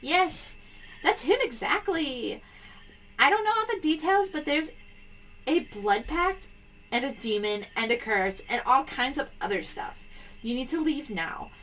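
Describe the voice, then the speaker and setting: A woman's voice: a little high, lively intonation, measured pace, a bit bright, poor audio. A woman voicing a frantic female caller in a game, urgent and insistent as she warns of danger. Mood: urgent, frightened.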